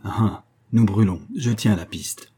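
A man voicing a gruff, commanding male convict leader who gives curt, imperious orders. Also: lowish voice, measured pace, mellow. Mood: sly.

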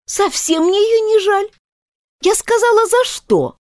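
A woman's voice: very high voice, a little slow, no room sound, voice pushed up. Storybook girl, outspoken and firm , voiced by a woman narrator, close dry read. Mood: bold. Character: bold, frank little girl.

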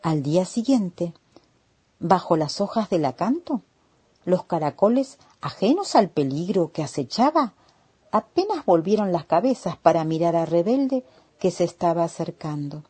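Unhurried, husky Argentine storyteller woman. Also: on the low side. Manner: gentle, unhurried, expressive reading. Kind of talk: children's story read on radio.

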